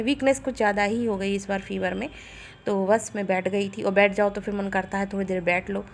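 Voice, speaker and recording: A woman's voice: mid-range voice, gravelly, slight background noise. A woman in her forties from India with a Bundelkhandi Hindi accent, chatting homely through her daily vlog at home in her kitchen. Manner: chatty, homely, retells family talk. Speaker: vlogger. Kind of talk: casual daily vlog narration.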